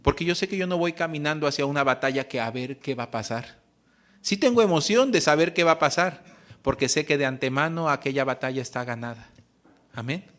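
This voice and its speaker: A man preaching in church. He gives earnest testimony and often pauses to restart a phrase. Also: fairly high pitch, expressive, fairly bright tone. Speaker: pastor. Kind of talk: sermon.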